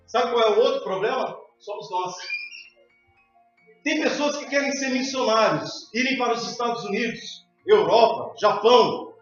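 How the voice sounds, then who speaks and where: A man preaching a sermon as pastor, emphatic and repeatedly calling out to his congregation. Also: high-pitched. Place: church hall. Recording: echoey hall, distant, dull sound, faint music.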